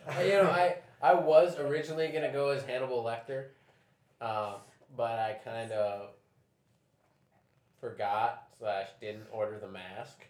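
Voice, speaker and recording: A man's voice: mid-range voice, unhurried. Rambling young man in a roomy echo. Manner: relaxed, rambling, trails off and restarts. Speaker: discussion moderator. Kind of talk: casual roundtable chat.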